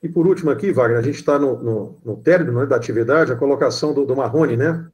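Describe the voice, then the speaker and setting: A Brazilian man moderating an online lecture, halting as he reads out audience questions. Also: medium pitch, dark tone. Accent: Brazilian Portuguese.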